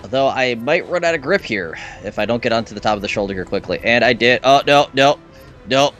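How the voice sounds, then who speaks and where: A man's voice: mid-range voice, lively intonation, a little fast, a bit bright, faint music behind. A man casually chatting while streaming a video game, narrating his play with playful asides. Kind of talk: casual gaming stream chat.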